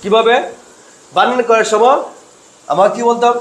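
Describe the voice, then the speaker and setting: With a very high-pitched, steady, fairly bright voice and a roomy sound, a man teaches Quran reading in a slow, step-by-step spelling lesson, answering the questions he asks himself.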